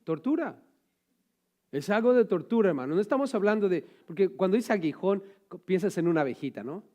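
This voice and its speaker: A man's voice: high-pitched, animated, brisk, dark tone. A man preaching a sermon as pastor, asking the congregation rhetorical questions and pressing his points hard. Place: church sanctuary.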